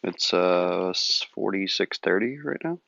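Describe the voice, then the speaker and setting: A man's voice: low voice, animated, measured pace, gravelly, fairly bright tone, no echo. A man chatting on a live stream in a brief, matter-of-fact way, heard through dull lo-fi audio. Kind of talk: casual chat on a live stream.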